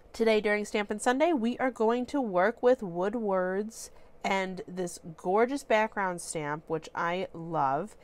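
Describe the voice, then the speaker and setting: A woman's voice: medium pitch, slow pace. A woman with a congested, stuffy voice, hosting a casual card-making tutorial and chatting through the steps with frequent ums. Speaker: papercraft tutorial host.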